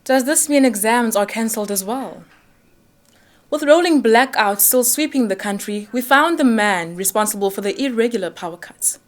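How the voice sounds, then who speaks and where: A woman news anchor reading satirical headlines with a wry, crisp delivery. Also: fairly high pitch, lively intonation, normal speed. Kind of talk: mock-serious news narration.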